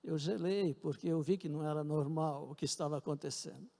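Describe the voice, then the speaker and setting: Brazilian pastor preaching in an echoing church. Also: male voice, on the high side, brisk, creaky, dark tone. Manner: earnest preaching with repeated phrases. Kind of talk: sermon with personal testimony. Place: church sanctuary.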